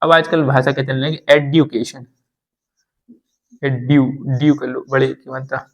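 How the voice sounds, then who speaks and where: A man's voice: mid-range voice, level tone, fairly quick, gravelly, highs cut off. Man, english teacher, repetitive reassuring explanations, grammar lesson.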